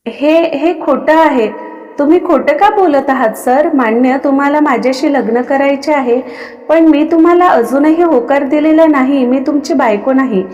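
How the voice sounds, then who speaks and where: A woman's voice: high-pitched, normal speed, darkish tone, muffled recording, natural voice. A woman voicing a frightened but defiant young bride who pleads and protests, recorded with long reverb. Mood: upset.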